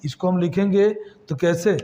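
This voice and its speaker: A high-pitched man teaches a math lesson to children. He keeps quizzing them, then answers his own questions in a patient, repetitive classroom manner. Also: steady tone, moderate pace, dark tone. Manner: addresses students as kids, asks and answers his own questions. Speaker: math tutor.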